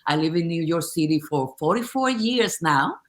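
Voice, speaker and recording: A woman's voice: low-pitched, expressive, normal speed. An older woman from the Dominican Republic, a guest on an online video chat, speaking in an upbeat, reflective way.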